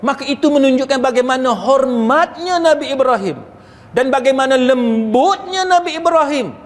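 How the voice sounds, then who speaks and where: A man's voice: extremely high pitch, expressive, moderate pace, long reverb tail. A male Islamic preacher gives a chatty religious lecture, often tossing rhetorical questions to his listeners. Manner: chatty, rhetorical questions to the audience, occasional chuckles.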